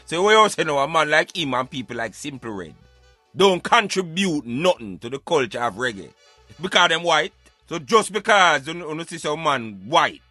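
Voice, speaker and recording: A man with a Jamaican accent hosts a radio show, speaking casually and emphatically as he shares his opinions and treats listeners like friends. His voice sits on the high side, and the recording is dry. He's animated and forceful, calling his audience "brethren" again and again.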